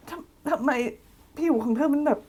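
A woman teaching English in a casual way, slowly explaining a song line by line, playfully flustered and giggly. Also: mellow. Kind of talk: casual song translation lesson.

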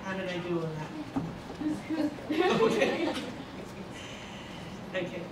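A woman's voice: on the low side, big pitch swings. Woman announcing names in an echoey hall. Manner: halting, reads names slowly with pauses. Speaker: presenter of art awards. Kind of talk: announcing names at a public meeting. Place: large indoor board meeting room. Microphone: far room camera. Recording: echoey hall, distant camera, room noise.

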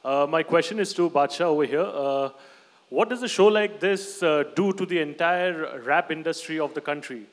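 Indian man, reporter, raised pitch, press question, hall reverb. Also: normal speed. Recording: echoey hall.

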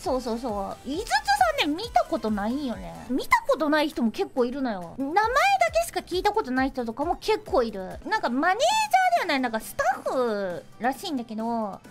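High, lively woman streamer chatting. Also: brisk, hardly any pauses, over loud music. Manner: animated, giggly, acts out other people's lines. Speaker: VTuber streamer. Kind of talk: casual livestream chat.

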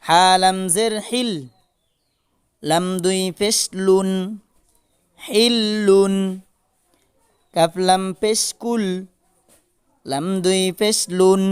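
Slow, crisp high male Quran tutor. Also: a little mellow. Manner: spells each letter and vowel mark, then chants the joined syllable drawn out; adds brief spoken rule explanations between drills. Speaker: Quran reading teacher. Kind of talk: slow spelled-out Quran recitation lesson.

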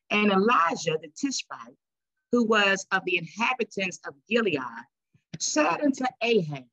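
Bright-voiced woman a sermon. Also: mid-range voice, no room sound, muffled recording. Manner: call-and-response preaching, stretches words for emphasis. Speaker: pastor. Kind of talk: sermon with scripture reading. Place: church sanctuary.

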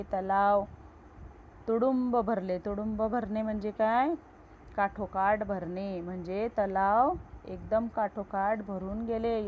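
A woman teacher explaining a children's poem, asking the class questions and answering them herself. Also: medium pitch. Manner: slow, patient, asks questions then answers them. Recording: slightly dull lo-fi recording with faint noise.

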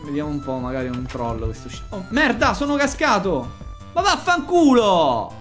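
Man, let's-play co-host, loud swearing, lively pitch, faint background music. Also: normal speed. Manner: excitable, loud swearing and yelling. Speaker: gaming channel co-host. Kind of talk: casual let's-play commentary.

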